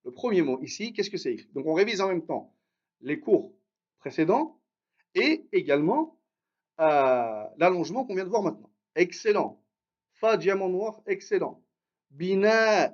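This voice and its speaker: A man's voice: sits high, very animated, moderate pace, a little mellow, lo-fi sound. A man teaching Arabic reading in a live online lesson, patiently sounding out syllables and praising his students by name.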